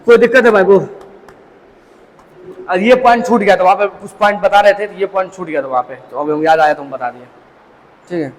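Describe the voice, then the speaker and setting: A physics teacher lecturing a live class, repeating key points and checking students follow. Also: male voice, sits high, brisk, long pauses. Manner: repetitive, drilling points home with check-ins. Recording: distant echoey classroom with faint hiss.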